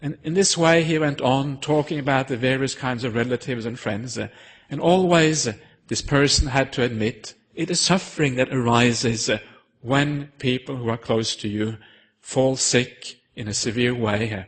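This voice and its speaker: Male Buddhist monk, storytelling sermon, husky mid-pitched voice, unhurried with many fillers. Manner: unhurried, with frequent hesitant fillers. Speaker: Buddhist monk giving a Dharma talk.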